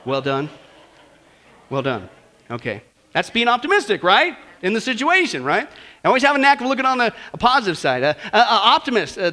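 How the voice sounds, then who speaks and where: Animated, high-voiced male preacher. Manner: animated storytelling, dropping to quiet emphasis. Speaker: pastor. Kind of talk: sermon with humorous anecdotes.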